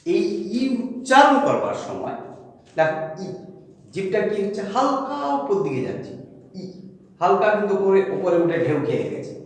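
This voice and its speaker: A man teaching a lesson on vowel sounds, repeating each sound slowly and checking again and again that his students follow. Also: on the high side. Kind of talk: spoken grammar lesson on vowels. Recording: very echoey room with long reverb.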